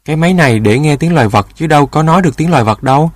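A man voicing a gentle older sister in a storybook tale, calm and hushing. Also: on the high side, very fast, no echo, studio quality, voice pushed up.

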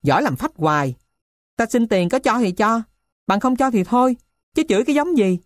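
A woman's voice: mid-range voice, sing-song, moderate pace, dry recording, clean studio sound. A woman voicing a bold, scrappy boy who talks back hotly. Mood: defiant. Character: bold scrappy street boy, defiant and cheeky.

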